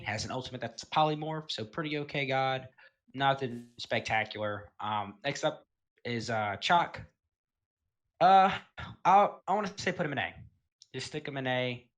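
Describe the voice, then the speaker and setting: A man casually talking through a game tier list, rambling and filling pauses with um and you know. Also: mid-range voice, a bit bright. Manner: laid-back, chuckles between points. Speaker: gaming video host.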